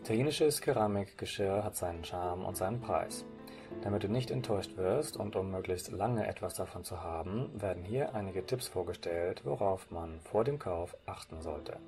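A man from Germany reads scripted slide-presentation narration in a formal, read-out style. His voice sits low at a normal pace, with music playing underneath.

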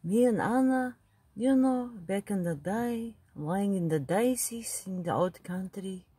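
A woman doing a husky, rambling old grandpa. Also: mid-range voice, unhurried, warm tone, no echo. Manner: broken English, rambling and bawdy. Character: elderly immigrant grandfather, rambling, jealous, bawdy. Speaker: comedy video character. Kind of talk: comic character monologue.

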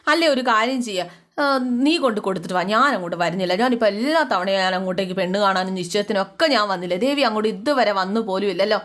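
A woman's voice: medium pitch, fast, fairly bright tone, lightly acted. A woman voicing an irritated young elder brother who grumbles at his sibling. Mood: grumbling.

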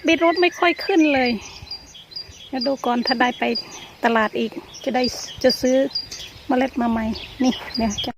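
An older woman with a high voice vlogs in a rural garden, chatting casually at normal speed in a show-and-tell style and often pointing things out as she goes. The outdoor recording has clear background noise.

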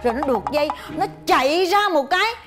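High-voiced chatty, indignant mother who dotes on her dog, for a TV sketch. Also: lively intonation, a little fast. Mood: indignant storytelling. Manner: chatty, dramatic storytelling, indignant. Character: fussy, hot-tempered middle-aged mother doting on her dog. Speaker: dog-owning mother in a traffic-safety skit. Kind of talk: televised comedy sketch acting. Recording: music bed under the dialogue.

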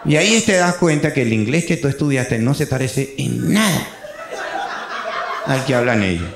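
A man with a Venezuelan accent telling a funny story in stand-up style, lively and animated. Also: mid-range voice, normal speed, vocal fry, background noise. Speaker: ventriloquist comedian. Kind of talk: stand-up comedy. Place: live stage before an audience. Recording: echoey stage with audience laughter.

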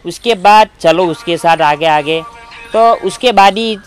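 A man's voice: sits high, measured pace, clean tone, faint music behind. A young man, a horse trainer explaining plainly in a casual outdoor interview. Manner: plain, matter-of-fact explaining. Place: outdoor dirt yard by a pony cart.

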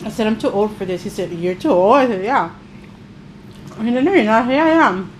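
A woman's voice: mid-range voice, animated, fairly quick, slight background noise, rough recording. Fields: Sex: woman. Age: middle-aged. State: mouth full. Style: chatty eating-show talk. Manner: chatty, storytelling, plain-spoken. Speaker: mother and show host. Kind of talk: casual chat while eating.

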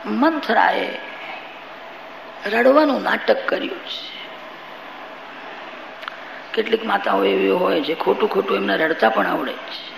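A male preacher telling a scripture story to a live gathering, his voice high and strongly gravelly. He breaks off to speak directly to his listeners. The recording has a long hall reverb and faint room noise. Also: a little slow, long pauses. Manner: storytelling with moral asides to the audience. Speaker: religious storyteller. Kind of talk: devotional scripture storytelling sermon.

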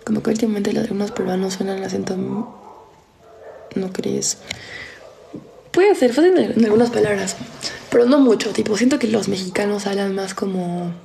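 A young woman of eighteen from Peru with a Peruvian Spanish accent, tired and chatting casually as she answers viewers' questions, reading each one aloud before replying in quick, quiet asides. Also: medium pitch, vocal fry, slight background noise. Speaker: live streamer.

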